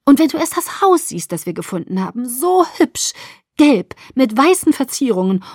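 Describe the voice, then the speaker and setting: A woman voicing a doting, chatty middle-aged mother who gushes excitedly in a higher, livelier voice. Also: no room sound, clean studio sound. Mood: gushing. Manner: gushing, rapid, excited chatter.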